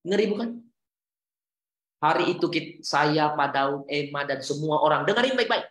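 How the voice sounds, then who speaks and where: Dramatic male pastor in an echoey church. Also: a little high. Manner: dramatic swings between hushed and loud, rising exclamations; sprinkles English exclamations. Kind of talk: sermon. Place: church service. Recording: roomy church hall echo.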